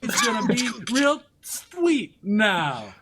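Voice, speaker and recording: A man putting on a sing-song falsetto voice to chant a hype jingle for a podcast segment. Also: wildly swooping pitch, slow, a crowd in the background, heavily acted. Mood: hyped.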